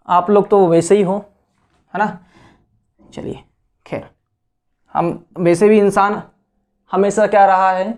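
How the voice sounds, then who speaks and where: An exam coaching teacher gives an online prep lecture in a high, slightly mellow voice. He keeps posing rhetorical questions and answering them himself, repeats key words, and bluntly scolds his students.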